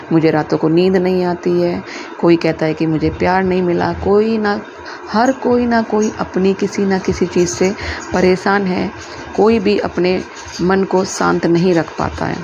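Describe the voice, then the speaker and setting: A muffled, noisy recording of a woman with a noticeably creaky voice. She speaks gently and patiently, like a spiritual teacher guiding listeners through a devotional discourse in simple, repeated phrases. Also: mid-range voice. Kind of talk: devotional discourse with moral storytelling. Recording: muffled lo-fi with clear background noise.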